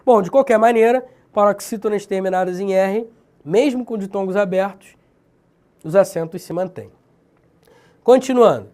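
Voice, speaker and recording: A man with a Brazilian accent teaching grammar in a video lesson, lively and slangy, drilling example words with emphasis. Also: high-pitched, normal speed, long pauses. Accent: Brazilian Portuguese.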